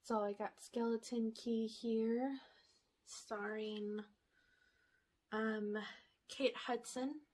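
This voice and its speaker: A woman's voice: fairly high pitch, fairly even intonation, very slow, pauses often, darkish tone. A woman at home chatting her way through a shopping haul, rambling with fillers, a little out of breath. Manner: reads the blurbs on the backs of DVD cases aloud. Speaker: vlogger showing a shopping haul. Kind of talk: casual chat. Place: indoors at home, sitting in one spot.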